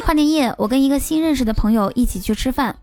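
A woman's voice: sits high, fast talker, over music. A woman hosting a playful comic monologue with teasing jokes. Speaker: host.

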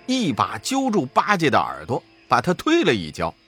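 A man narrating a classic storybook tale with expressive rises and falls. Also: mid-range voice, normal speed, husky, soft background music. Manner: expressive, rising and falling for effect.

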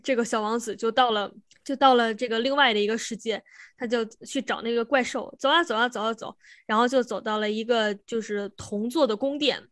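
A woman's voice: on the high side, fairly even intonation, a little fast, a bit bright, no room sound, clean studio sound. A woman co-hosting a podcast, casually retelling a fairy tale with frequent restarts and self-corrections. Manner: meandering, self-correcting, laughs often. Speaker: podcast co-host. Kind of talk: casual storytelling chat.

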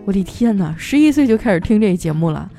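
A woman's voice: medium pitch, expressive, quick pace, vocal fry, warm tone, soft background music. A woman host reading listener jokes in a comic style, slipping into character voices for the quotes.

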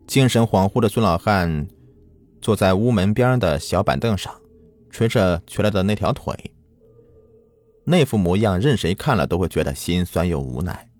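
Male folk-tale narrator, very low and animated, dry close sound. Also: moderate pace, no echo. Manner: dramatic, lilting storytelling. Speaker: storyteller. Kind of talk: folk ghost story narration.

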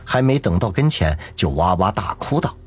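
Husky male audiobook narrator. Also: low voice, big pitch swings, moderate pace. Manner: dramatic storytelling. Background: faint music.

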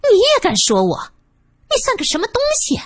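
Lady putting on screechy hot-headed young actress yelling insults, dry close sound. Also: sing-song, a little slow, breathy edge, no room sound, heavily acted. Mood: furious, mocking. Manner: shrill, shouting. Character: furious jealous young actress, screaming insults.

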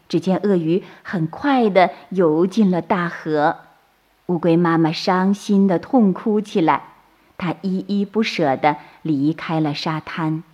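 Woman, children's bedtime storyteller; slow, lively intonation. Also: on the low side, lo-fi sound. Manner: slow, soothing and expressive.

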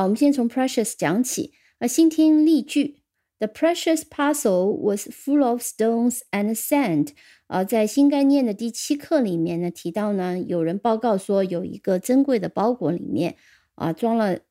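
A woman teaching English words in a recorded lesson, explaining patiently and spelling words slowly letter by letter on English. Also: mid-range voice, warm tone.

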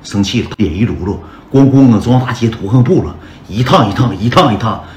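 Chatty Northeastern Mandarin livestreamer. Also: male voice, on the low side, lively intonation, quick pace, slight background noise. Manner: chatty, keeps calling out to the viewers as brothers. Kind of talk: casual storytelling livestream. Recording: roomy echo with loud background music.

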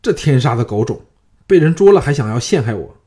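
Storybook fawning official, excitable, mellow voice , narrator voices him. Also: male voice, medium pitch, moderate pace, lightly acted. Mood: angry. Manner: excitable, ingratiating. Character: anxious, flattering male court official.

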